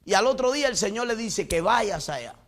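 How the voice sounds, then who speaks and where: High-voiced preaching man, dramatic swings. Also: expressive, brisk. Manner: dramatic preaching, swinging between loud exclamations and hushed lows; storytelling with personal testimony. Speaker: pastor and missionary. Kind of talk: sermon.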